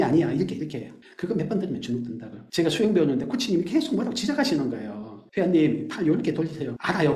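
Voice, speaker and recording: A man teacher explaining his math classes to parents, animated, acting out quick scenes of teachers and students. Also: mid-range voice, reverberant.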